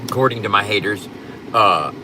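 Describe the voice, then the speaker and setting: A man's voice: fairly low pitch, moderate pace, background noise. A man chatting casually on a livestream in a blunt, profane, rambling way, his speech slightly slurred and lisping as with loose new dentures. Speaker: livestream host.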